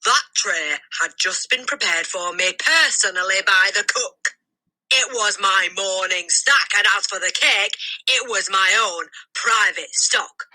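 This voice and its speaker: A woman voicing a furious, bullying headmistress in a children's storybook, barking and shouting drawn-out, contemptuous insults. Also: mid-range voice, voice pushed up, rough recording. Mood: furious, indignant. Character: tyrannical bullying headmistress, booming, furious, theatrical.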